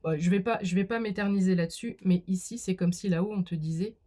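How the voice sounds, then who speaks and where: A woman gives a relaxed spoken card reading in a slightly low voice. She talks directly to the listener and often stops and restarts mid-thought with fillers. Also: fast talker. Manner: addresses viewer directly, many fillers and restarts. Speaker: card reader. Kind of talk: casual spoken tarot reading.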